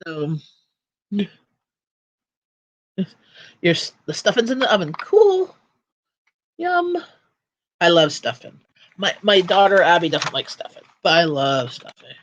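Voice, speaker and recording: A woman's voice: fairly low pitch, very animated, takes it slowly, pauses often, lo-fi sound. A woman hosting a casual livestream chat from home. She rambles and often restarts her sentences. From Canada. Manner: rambling and chatty, with frequent restarts. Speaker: livestream host.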